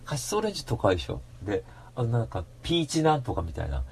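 A man hosting a radio show in a casual rambling monologue, slangy and animated, breaking into mock-angry rants. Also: mid-range voice, fast talker, husky.

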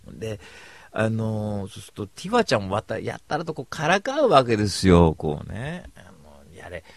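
Gravelly-voiced man telling a rambling story. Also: on the low side, big pitch swings, moderate pace, no room sound. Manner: drifts between mumbling asides and loud bursts. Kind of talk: casual rambling anecdote.

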